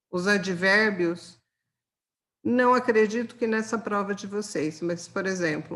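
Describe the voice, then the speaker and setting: A woman with a Brazilian Portuguese accent and a lowish, fairly bright voice teaches grammar for an exam. She explains patiently with examples and checks in with her students during the exam-prep lesson.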